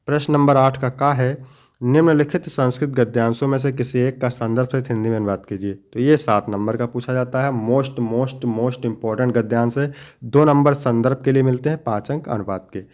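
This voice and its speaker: A young man teaching an exam-prep lesson, explaining each answer step by step, slowing down to stress key points and calling his students dear children. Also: medium pitch, fairly even intonation, darkish tone. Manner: explains each answer step by step, then reads the next question; addresses students fondly.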